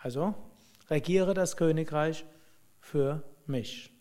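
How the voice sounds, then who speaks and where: A man voicing a calm, wise old male sage who speaks in a commanding, gently testing way while telling a story. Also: a little high, takes it slowly. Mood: instructive.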